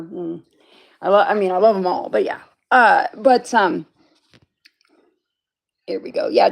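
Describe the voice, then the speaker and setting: A woman's voice: mid-range voice, creaky. A woman hosting a casual livestream from home, rambling through a story and answering viewers' comments as they come in. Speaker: livestream host.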